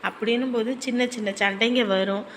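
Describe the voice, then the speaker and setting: An actress playing a warm-hearted married aunt, talking earnestly. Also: female voice, on the high side, steady tone, a little fast, a little hiss or hum, lightly acted. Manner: earnest, consoling, talkative. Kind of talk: village family drama.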